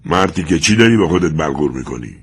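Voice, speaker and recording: A man voicing a brutal, mocking male secret-police agent who shouts sneering threats. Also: very deep voice, expressive, husky, full character voice. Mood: sneering, shouting.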